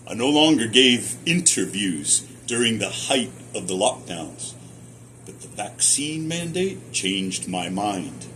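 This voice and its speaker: A middle-aged American man giving a personal testimonial in a deliberate, emphatic storytelling manner with short repeated phrases. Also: on the low side, sing-song, sharp tone, slight background noise, poor audio. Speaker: speaker sharing personal experience, former academic researcher.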